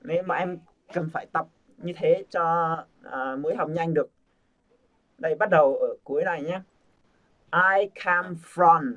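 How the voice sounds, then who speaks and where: A man's voice: on the high side, moderate pace. A man teaching English pronunciation to a group, coaxing and repeating sounds over and over. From Vietnam. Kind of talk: casual group lesson. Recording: dull lo-fi sound.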